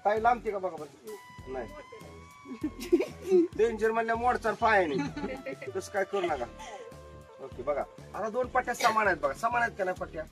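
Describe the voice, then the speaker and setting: A man performing a lively magic show for a crowd, joking with and coaxing the audience. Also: high voice, normal speed, pauses often, music in the background. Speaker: stage magician.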